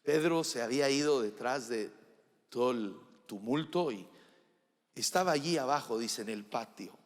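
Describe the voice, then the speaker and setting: A man preaching a live church sermon, swinging from loud declarations to hushed, soft passages. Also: medium pitch, lively intonation, normal speed. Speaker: pastor. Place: church sanctuary during a service. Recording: reverberant church hall with faint music.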